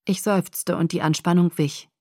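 A woman's voice: fairly low pitch, fairly even intonation, normal speed, warm tone, dry recording. Woman narrating an audiobook, dry sound. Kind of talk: first-person audiobook narration.

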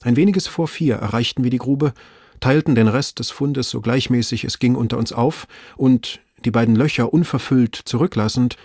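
A man reading a story aloud in measured, even scripted narration. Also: mid-range voice, slightly rough, no room sound, studio quality. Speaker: audiobook reader.

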